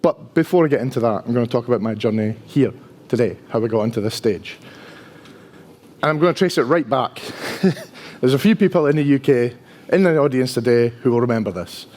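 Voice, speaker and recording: A little mellow and fairly quick, his mid-range voice belongs to a fifty-something IT engineer from Dundee, Scotland. With a strong Dundonian accent, he presents informally at a conference, chatty and self-deprecating, habitually finishing sentences with "right?".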